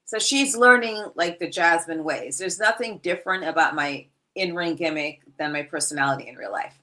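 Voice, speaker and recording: A middle-aged woman trades brash, joking stories on a casual podcast. Her voice is bright and forceful but sits somewhat low in pitch. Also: moderate pace, low-quality recording. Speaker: guest wrestler.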